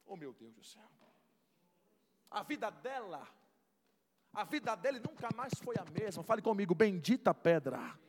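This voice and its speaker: A pastor preaching a fervent sermon, dropping to a hush and then rising to shouts. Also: male voice, high-pitched, big pitch swings, moderate pace, long pauses. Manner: fervent, swings from hushed to shouting. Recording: long hall reverb.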